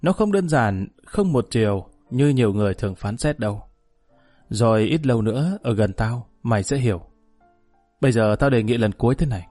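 A man voicing a proud, stubborn male gang boss who talks quickly and dismissively. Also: medium pitch, lively intonation, a little mellow, soft background music, lightly acted. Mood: defiant.

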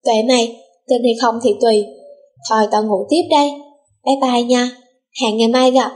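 A woman's voice: a little high, fairly even intonation, normal speed, darkish tone, lightly acted. A woman voicing a cheerful, spoiled young rich girl in an audiobook, bubbly and cutesy. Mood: teasing. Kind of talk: audiobook character voice.

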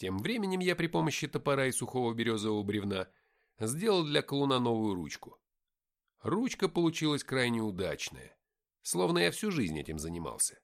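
Lively male audiobook narrator. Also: mid-range voice, brisk. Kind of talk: first-person audiobook narration.

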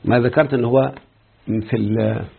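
A man's voice: medium pitch, fairly even intonation, normal speed, vocal fry, breathy edge. A man with an Egyptian Arabic accent teaching Arabic grammar in a classroom lecture, explaining step by step, repeating terms and putting questions to his students. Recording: tinny phone-like lecture recording.

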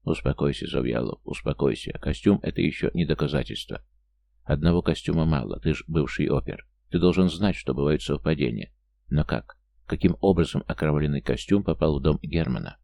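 Anguished ex-detective in a storybook, deep gravelly voice, clipped lines , read by a man. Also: a little fast, mellow, dry recording. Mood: self-soothing. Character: anguished former detective, tense and wounded.

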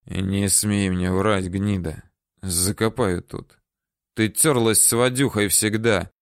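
A man playing a cold threatening tough guy, low and slow, clipped words, dry audiobook read. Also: steady tone, smooth, no echo. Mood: menacing. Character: hard, menacing male surveyor interrogator. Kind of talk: audiobook character voice.

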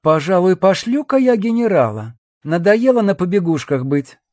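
A man's voice: high voice, big pitch swings, normal speed, a little mellow, no room sound, clean studio sound, pitched above the performer's own voice. A man reading an audiobook, voicing a cold, greedy young woman mercenary who teases and mocks. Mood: sly. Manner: sly, teasing, playful.

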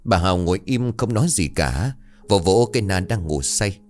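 A man narrating a ghost story in a dramatic, expressive reading style. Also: low-pitched, normal speed. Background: faint music.

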